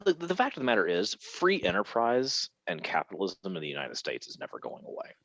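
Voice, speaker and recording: A man co-hosting a casual podcast chat, animated, repeating words and laughing often. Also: deep voice, a little fast, no room sound, lo-fi sound. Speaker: podcast co-host.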